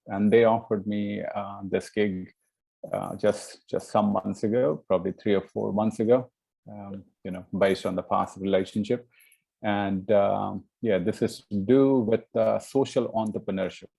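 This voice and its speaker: A man from India with a low, gravelly voice and a mellow, dark tone. He talks earnestly in a casual interview, leaning on fillers and "you know" as he explains himself. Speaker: interview guest.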